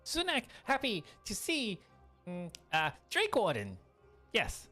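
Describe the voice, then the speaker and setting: A man voicing a small, frightened captive goblin in a tabletop game, pleading in halting, broken phrases. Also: high voice, huge pitch swings, pushed and bright, soft background music, pitched above the performer's own voice, full character voice.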